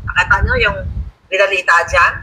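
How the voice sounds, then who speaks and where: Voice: mid-range voice, fairly even intonation, brisk, pushed and bright, slight background noise, low-quality recording. A livestream host giving scornful, combative political commentary and reading viewer comments aloud. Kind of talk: casual live commentary. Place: home studio.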